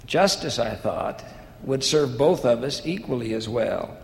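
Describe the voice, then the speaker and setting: A man's voice: mid-range voice, animated, measured pace, gravelly. A man voicing a desperate male debtor in a parable, pleading for mercy. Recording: echoey hall with faint hiss.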